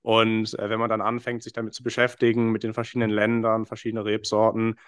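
An Englishman in his thirties, a wine investment founder, appears as a podcast guest and explains his business in a friendly, casual way with lots of fillers. His lowish voice is monotone, fast, and smooth, with no room sound.

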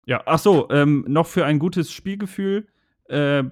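A man's voice: on the high side, a little slow, dry recording, clean studio sound. A man chatting casually on a podcast about a video game, talking in a rambling, hesitant way with many fillers.

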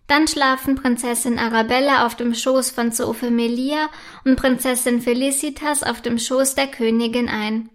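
High-voiced woman reading a children's story. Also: fairly even intonation, normal speed.

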